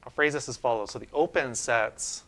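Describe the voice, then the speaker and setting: A man teaching a university math class, talking it through informally as he goes. His voice sits in a middle pitch, and he restarts and checks in with the room often. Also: moderate pace, bright, forceful tone, slight background noise. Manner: informal, thinking aloud with many fillers and restarts. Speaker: university lecturer. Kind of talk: casual classroom lecture. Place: lecture room.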